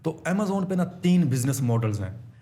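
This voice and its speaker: A man's voice: fairly high pitch, sing-song, moderate pace, mellow. A man from Pakistan, a guest on a casual interview, telling his story earnestly and using many English terms. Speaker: interview guest, online seller.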